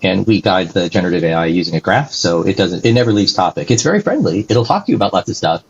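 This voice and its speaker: Deep-voiced and slightly rough, this man talks fast and with animation as a guest in a conversational interview. He's a company executive who likes to punctuate his explanations with "right?". The recording is lo-fi and dull.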